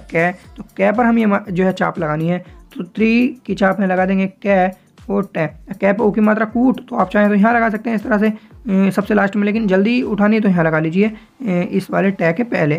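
A man teaching a shorthand lesson, explaining each step patiently and often checking that it is clear. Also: high-pitched, fairly quick, muffled recording, faint music behind. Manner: patient, repeats points, often asks if it is clear.

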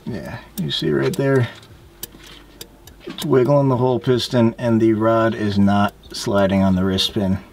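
A man's voice: fairly low pitch, little pitch movement, a little slow, vocal fry, darkish tone. A blunt, terse young man works on an engine out on a street and swears now and then. Faint noise sits behind his voice. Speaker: mechanic helper. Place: outdoors on a street beside a car.

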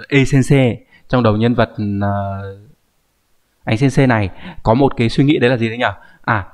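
Patient male teacher. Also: medium pitch. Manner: explains patiently, often checks in with the viewer. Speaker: Japanese language teacher. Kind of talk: online grammar lesson.

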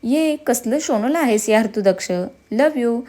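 Woman voicing a young bride, playful, scolding, storybook reading, high voice. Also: a little slow, darkish tone, natural voice. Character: lively young bride, sulky and affectionate.

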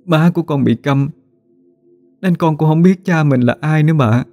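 A frightened young peasant woman pleads and stammers in a raised, soft-edged voice, as a male storyteller puts her on. The tone stays mellow and dark under the higher pitch. She sounds close to tears throughout, as if in an old folk tale. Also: normal speed, faint music behind, natural voice. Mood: pleading.

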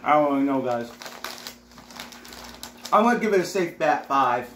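A man's voice: medium pitch, lively intonation, moderate pace, fairly bright tone. A man in his thirties chatting casually as co-host of a food review in a living room. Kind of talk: casual chat. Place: small living room, indoors. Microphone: camera or phone at arm's length. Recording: roomy sound with background noise.

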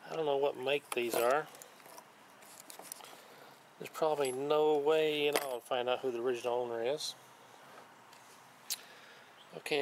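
Guy listing his magnet fishing haul one item at a time, easygoing, average voice, outdoors with a little background hum. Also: mid-range voice. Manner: plain, unhurried, listing items one by one. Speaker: channel host showing magnet fishing finds. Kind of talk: casual show-and-tell narration. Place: outdoors on a wooden dock by a lake.

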